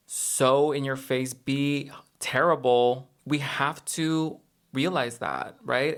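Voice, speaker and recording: A man hosts a reaction segment in a casual, conversational style. His voice sits in a middle pitch range. He gives his opinions emphatically, as commentary. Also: fairly bright tone.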